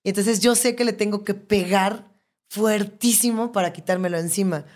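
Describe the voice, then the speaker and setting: A woman's voice: mid-range voice, steady tone, moderate pace, darkish tone. A Mexican woman in her thirties, a podcast co-host, telling a story in casual chat and swearing freely.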